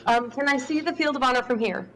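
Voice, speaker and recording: A woman's voice: sits high, fast talker, crowd noise, low-quality recording. A woman chatting casually as a player in a tabletop role-playing game. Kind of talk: casual chat during a game.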